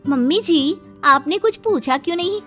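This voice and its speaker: A woman's voice: very high voice, animated, normal speed, fairly bright tone, soft background music. A woman voicing a nosy, tattling young daughter-in-law in a cartoon, with a prying, complaining tone. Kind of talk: cartoon voice acting.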